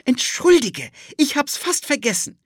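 Cheeky wild young boy, high and bouncy, pushy and excited. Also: unhurried, dry recording, clean studio sound, exaggerated voice. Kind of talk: audiobook character voice.

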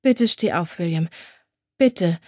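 A woman voicing a frightened young woman who pleads, high and strained, to be let go, in an audiobook reading. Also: animated, slow, a little mellow, no room sound, clean studio sound. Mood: pleading. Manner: high, pleading, rising to screams. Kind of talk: audiobook character voice.

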